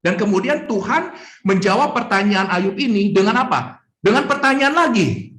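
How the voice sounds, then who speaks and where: A man's voice: high voice, animated, normal speed, a bit bright. A man preaching a sermon, asking the congregation rhetorical questions and chuckling between points. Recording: echoey room.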